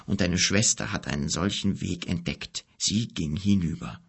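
Man doing a bearded wizard, grave and gentle, deep gravelly hush, husky, audiobook voice. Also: heavily acted. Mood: solemn. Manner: solemn, hushed, unhurried. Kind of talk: audiobook character voice.

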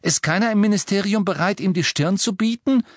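A man voicing an angry teenage boy wizard who shouts indignantly in an audiobook. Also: on the high side, big pitch swings, moderate pace, gravelly, breathy edge, no room sound, studio quality, voice pushed up, full character voice.

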